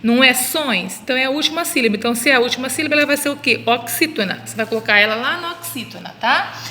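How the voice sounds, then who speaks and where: Bright high-voiced woman teaching. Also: lively intonation. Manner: stretches words slowly syllable by syllable, asks and answers own questions. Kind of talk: recorded remote class for children. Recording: reverberant room, faint background noise.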